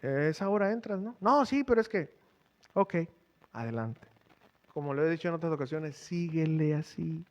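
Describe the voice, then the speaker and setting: Brief: middle-aged male preacher, chatty sermon delivery, fairly high voice. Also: animated, moderate pace, long pauses, dull audio. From Mexico. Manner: conversational preaching, quizzes the congregation with rhetorical questions. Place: church.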